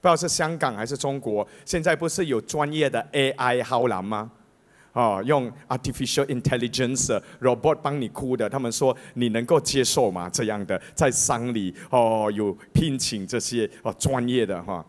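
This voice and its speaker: A man with a Malaysian accent, a pastor preaching a sermon as an animated storyteller who mimics voices. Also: medium pitch, normal speed.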